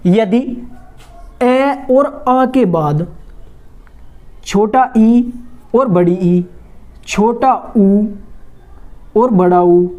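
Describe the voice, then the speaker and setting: A woman teaching a grammar lesson for exam students, asking questions and answering them herself, slowly drawing out and repeating sounds. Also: medium pitch, mellow. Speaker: Hindi teacher.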